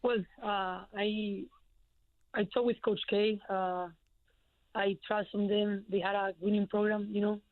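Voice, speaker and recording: Calling into a radio show over a tinny phone line, a young Spanish woman who plays college basketball answers interview questions hesitantly, full of fillers. Her medium-pitched, accented voice moves little in pitch and runs a little slow, with a dry recording.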